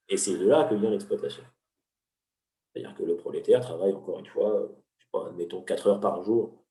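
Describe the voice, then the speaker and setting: An economics teacher explains ideas patiently in an interview, his fairly low, dark-toned voice full of hesitations and restarts. The style is didactic, and the recording sounds roomy and distant.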